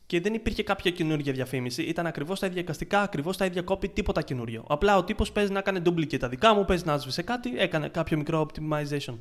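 A man talks fast and loose on a business podcast, his voice sitting fairly high. He restarts his sentences often and gets worked up as he goes. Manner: excitable, swearing, retelling frustration with many restarts. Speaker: podcast co-host, freelance ads marketer. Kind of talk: casual podcast chat.

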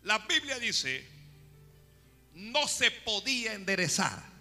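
A male preacher giving an animated sermon and talking straight to the congregation in an echoing church hall. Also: sits high, slow. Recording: echoey hall with faint music.

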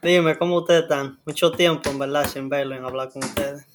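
A young man with a Dominican Spanish accent, pitched a little high. He tells stories in a relaxed, chatty podcast-guest way and acts out little sounds as he goes. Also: brisk, a crowd in the background. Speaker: guest, Olympic swimmer. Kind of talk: casual storytelling.

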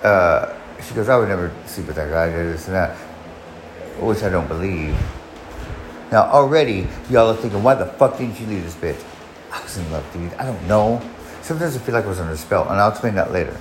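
A man's voice: sits low, lively intonation, a little fast. A man in his forties telling a long personal story on his podcast, rambling and swearing, with many restarts. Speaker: podcast host. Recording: echoey room, faint background noise.

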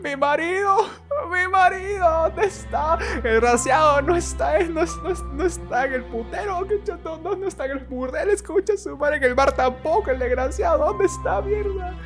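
A man's voice: extremely high pitch, animated, normal speed, over music, voice pushed up. A man shrieking as a frantic Peruvian widow. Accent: Peruvian Spanish. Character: hysterical grieving widow searching for husband.

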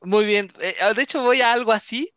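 A young man with a Mexican accent telling a funny story in casual chat, animated, often laughing and acting out what he said. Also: high-pitched, brisk, smooth, no echo. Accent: Mexican Spanish. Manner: animated, laughs often, acts out his own lines.

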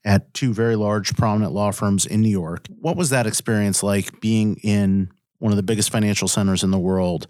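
A male host puts measured questions to a guest in an interview. His voice sits on the low side, recorded dry with no audible room. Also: fairly even intonation, a little mellow, no echo.

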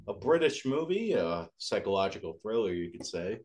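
Low-voiced, easygoing young man. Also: sing-song, moderate pace, a little mellow. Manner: easygoing, laughs often. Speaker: podcast co-host. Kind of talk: casual chat.

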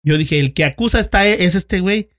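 A man's voice: high voice, fairly quick, a bit bright. A man with a Mexican accent, a former police investigator, telling a story to friends in casual chat, swearing freely and acting out both sides of the dialogue.

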